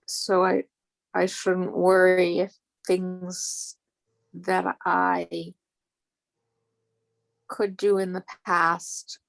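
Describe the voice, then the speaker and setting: A woman speaking tentatively and reflectively as a client in a quiet spiritual consultation, halting between phrases. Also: on the low side, monotone, gravelly. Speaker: client in a channeling session.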